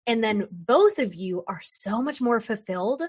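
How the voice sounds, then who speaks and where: Chatty, animated young woman host. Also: fairly high pitch, a little slow, slightly rough. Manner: animated, chatty, goes off on tangents, swears, acts out voices. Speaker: podcast host. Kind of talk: casual podcast conversation.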